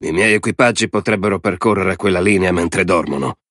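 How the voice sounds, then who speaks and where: A man voicing a brash, gruff male air force general who swears in an audiobook reading. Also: low voice, fairly quick, a bit bright, no echo, studio quality.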